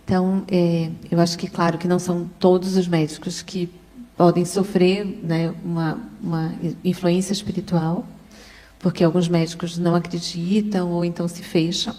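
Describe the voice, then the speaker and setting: A woman doctor, answering an interview question thoughtfully and pausing to search for words. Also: on the low side, flat delivery, dark tone. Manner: thoughtful, pauses and restarts while searching for words.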